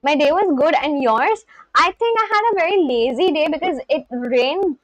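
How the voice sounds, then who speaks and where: On a live stream, this twenty-something woman with an Indian English accent keeps up a chatty, expressive flow at normal speed, often laughing, using "like," and reading out viewers' comments. Her high voice is dry, though the recording cuts off the highs.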